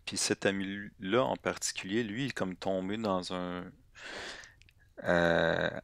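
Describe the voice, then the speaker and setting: A man's voice: low voice, fairly even intonation, slow, vocal fry, a bit bright. A man in his twenties with a Québécois French accent, delivering a comedic, rambling monologue to camera, full of hesitations, slang and restarts. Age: 20s. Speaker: vlogger.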